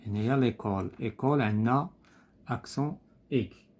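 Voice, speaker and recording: A male teacher with a Moroccan Arabic accent steps through a textbook exercise at an even pitch for a man. His delivery is patient and methodical. He repeats each example word and pauses on small hesitant fillers. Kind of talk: explaining a French textbook exercise.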